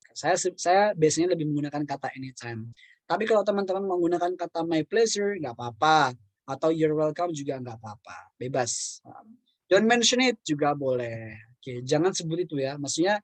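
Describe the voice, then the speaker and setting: A man teaching an online English class, explaining in Indonesian with patient repetition and frequent throat clearing. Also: on the high side, dry recording. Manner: patient, repeats words and examples, clears throat often.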